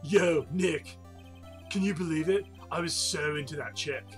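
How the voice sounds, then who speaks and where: A man's voice: on the high side, unhurried, faint music behind, lightly acted. A man voicing a dim-witted, dramatic young stoner friend in a video game, with a dumb stoner drawl. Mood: mopey.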